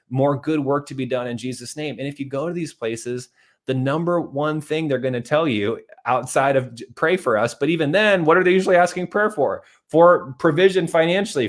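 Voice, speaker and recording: Preaching on faith and finances, a man with a medium-pitched voice addresses viewers in a motivational video. He's earnest yet conversational, tossing in lots of asides to "guys," acting out small exchanges and sharing anecdotes.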